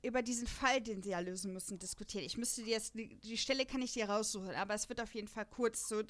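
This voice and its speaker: Speaking fast in a mid-range, somewhat bright voice, a young adult woman hosts a relaxed podcast on an audio drama. She's talkative, explains at length, leans heavily on fillers, and laughs between points.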